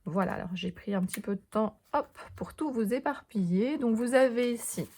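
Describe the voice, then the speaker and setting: A woman's voice: fairly high pitch, animated, normal speed, darkish tone. A woman vlogger chatting enthusiastically through a scrapbooking haul, with lots of fillers and small restarts. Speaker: crafting vlogger. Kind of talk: casual show-and-tell haul video.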